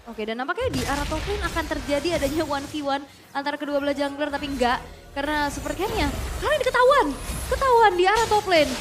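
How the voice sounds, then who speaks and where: A woman with a high voice gives live esports commentary as a match caster. Music plays clearly behind her. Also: animated, fast.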